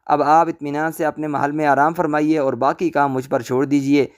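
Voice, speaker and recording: A man voicing a scheming old woman in a storybook tale, flattering one moment and hurling curses the next. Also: fairly high pitch, clean tone, natural voice. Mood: wheedling. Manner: flattering, then shrieking curses. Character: scheming old crone, wheedling and loud.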